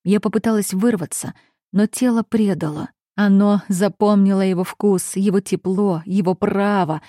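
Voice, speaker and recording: A woman reading a romance audiobook in the first person. Her reading is intimate and expressive, with a warm, mellow tone. The recording is dry and close, with no room sound. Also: medium pitch, moderate pace, dry recording. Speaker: audiobook narrator.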